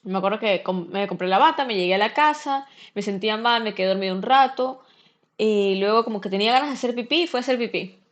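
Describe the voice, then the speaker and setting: A young woman, a podcast guest and first-time mother, telling a story in a casual, lively way and acting out what other people said. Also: medium pitch, fast. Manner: lively, acts out the dialogue of others.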